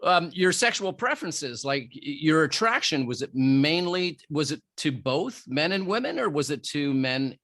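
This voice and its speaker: A man's voice: a little high, very animated, normal speed, hardly any pauses, fairly bright tone, dry recording. A man hosting an interview podcast, talking in a friendly, earnest way with many restarts. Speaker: podcast host.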